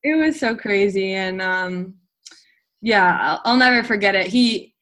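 A woman's voice: mid-range voice, a little slow, a bit bright. A young adult woman casually telling a travel story as a guest, rambling and full of fillers like "like" and "um".

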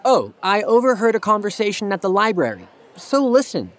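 A woman's voice: mid-range voice, very animated, normal speed, lightly acted. A woman playing chatty young Lia. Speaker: dialogue actor.

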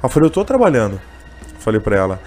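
A man's voice: fairly low pitch, huge pitch swings, fast talker, a little mellow, soft background music. A man telling a personal story in a casual interview, emotional and full of fillers. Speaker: interviewee, candy seller who sings on trains.

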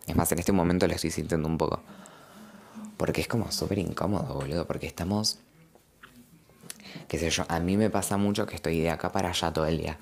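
A young podcast host with a Rioplatense Spanish accent rambles reflectively through a casual, slang-heavy confessional monologue, gesturing and moving as he talks. His voice is low and fairly even, with vocal fry, a fast pace and long pauses.

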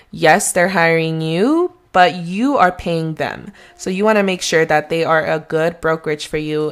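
A young adult woman with a deep voice and a slight Mexican accent, a real estate agent, gives rambling, conversational advice on her solo podcast.

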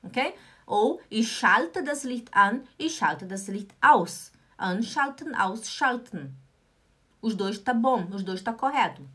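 Slow, high-voiced teacher woman. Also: animated, a bit bright, husky. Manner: slow, repetitive drilling of words. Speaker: German teacher. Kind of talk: live online language lesson.

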